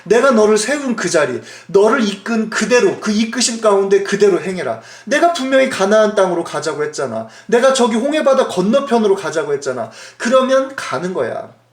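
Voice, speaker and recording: A man's voice: high voice, sing-song, normal speed. A man voicing God as a firm, reassuring commander in a retold Bible story, recorded in an echoey room. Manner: firm, commanding, plain words.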